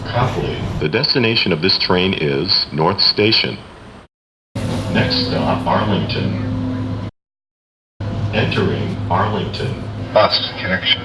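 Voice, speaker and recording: The transit announcer's voice sits low and sounds animated; he takes it slowly and pauses often while reading short, formal set phrases for station stops. His announcements play over a subway train's speakers, recorded amid echo and noise.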